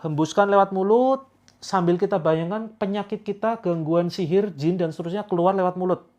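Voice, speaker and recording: A man's voice: sits high, normal speed, darkish tone, lo-fi sound. A man leading a guided group healing session, repeating instructions and coaxing listeners through each step. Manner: instructing, repetitive, coaxing viewers through steps. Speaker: spiritual healing coach.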